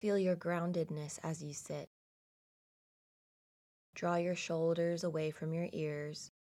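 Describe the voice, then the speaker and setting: Low-voiced woman guiding a slow meditation. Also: flat delivery. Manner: slow, soothing, hushed delivery with long pauses. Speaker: guided meditation narrator. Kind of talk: guided meditation, scripted narration.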